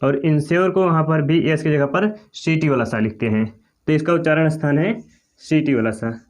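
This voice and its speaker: A man from India teaching English pronunciation in a slow, repetitive classroom manner, checking in with "okay" after each point. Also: on the high side. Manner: slow, repetitive, often says "okay" and "clear".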